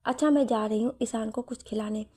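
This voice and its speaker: A woman voicing a shy young woman who scolds softly on the phone. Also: on the high side, steady tone, a little fast, slightly rough.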